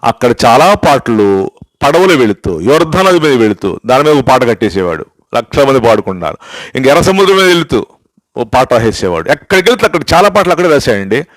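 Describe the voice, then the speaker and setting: A man's voice: mid-range voice, very animated, fast, no room sound, rough recording. An older man, a pastor, giving an emphatic sermon-style testimony, telling stories, asking rhetorical questions and switching into English phrases for emphasis. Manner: storytelling with repeated rhetorical questions.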